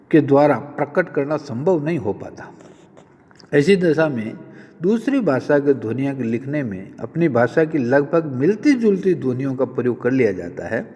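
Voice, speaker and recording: A man lecturing on linguistics, explaining each point with many spoken examples in a measured, teacherly way. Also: on the high side, a little mellow, in a large hall. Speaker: Hindi lecturer. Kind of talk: recorded university lecture.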